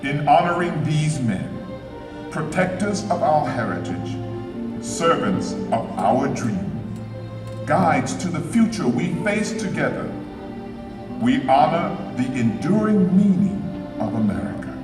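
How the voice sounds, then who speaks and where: A stately pageant narrator, reverent and dramatic, with slow, drawn-out phrases and widely swinging pitch. He sounds distant in a reverberant hall over music. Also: sing-song. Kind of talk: grand scripted narration. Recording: echoey hall from far off, music behind.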